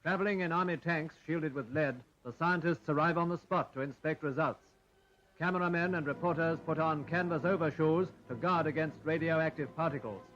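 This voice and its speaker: A man's voice: fairly high pitch, a little fast, a bit bright. A man narrating a 1940s newsreel in a formal, dramatic announcer style, heard as an old archive recording. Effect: old newsreel sound. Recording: dull lo-fi 1940s newsreel with faint music. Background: faint music.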